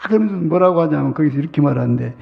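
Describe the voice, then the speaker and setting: A male pastor preaching a sermon dramatically, dropping to whispers and rising to shouts. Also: a little high, expressive, rapid-fire, creaky. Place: church sanctuary. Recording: muffled sound with long hall reverb. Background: long reverb.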